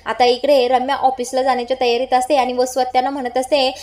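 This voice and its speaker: A woman's voice: high voice, little pitch movement, fast talker, darkish tone. A woman retelling a television serial episode as a story, acting out the characters' lines in dramatic fashion. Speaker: serial recap narrator.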